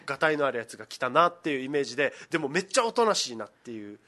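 Fast-talking man radio host. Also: medium pitch, animated, bright, forceful tone. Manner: quick, agreeable, lots of short backchannels. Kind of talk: casual chat.

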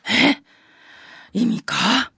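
A woman's voice: a little high, animated, drawn-out words, creaky, pushed and bright, breathy edge, no room sound, heavily acted. Brief: bluffing Kansai elder in rakugo, played by a woman, condescending storyteller, close and dry. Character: know-it-all older Kansai man bluffing an explanation.

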